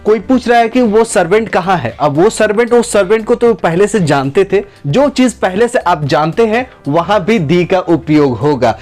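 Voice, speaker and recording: High-voiced man teaching an English lesson. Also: moderate pace, few pauses, faint music behind. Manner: talks in a steady run, repeating and stretching out example sentences. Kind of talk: spoken lesson to camera.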